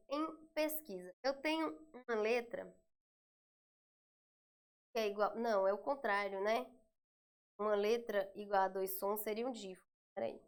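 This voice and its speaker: A Brazilian woman teaching a Portuguese exam review, explaining patiently and checking in often with her students. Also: mid-range voice.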